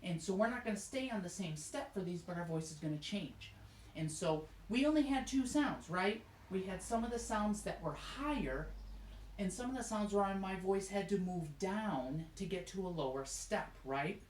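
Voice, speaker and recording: Woman music teacher of middle pitch, patient and encouraging, recorded in a roomy space. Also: lively intonation, normal speed, darkish tone, slight background noise. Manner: encouraging, explains step by step, sings short demonstrations. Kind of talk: recorded music lesson for children. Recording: echoey room.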